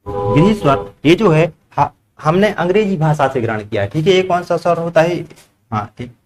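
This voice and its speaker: A man teaching a grammar class, his voice sitting a little high for a man. He keeps firing questions at the room and echoes the answers back to the students. He talks in the steady rhythm of a classroom lesson. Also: normal speed, slight background noise. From India.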